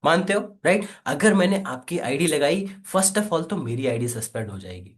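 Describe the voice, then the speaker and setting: A man leading a live sales training session, energetic and coaxing, often asking "right?" and urging quick questions. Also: a little high. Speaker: affiliate marketing trainer.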